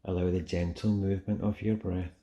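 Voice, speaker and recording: Soft soothing guy doing guided meditation, dark mellow voice, really even tone, lots of pauses. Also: sits low, lo-fi sound. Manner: soft, gentle, soothing delivery with long pauses. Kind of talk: guided relaxation meditation, soothing scripted narration.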